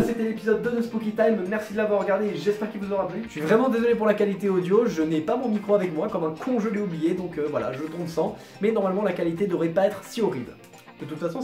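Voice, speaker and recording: A man rattles through comedic video commentary at a fast clip in a high voice, teasing his subject and himself. He was recorded without a proper microphone, so the voice sounds roomy and echoey, with faint music underneath. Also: a little mellow. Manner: joking, mocking, self-deprecating. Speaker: YouTube host. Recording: roomy echo, no proper mic.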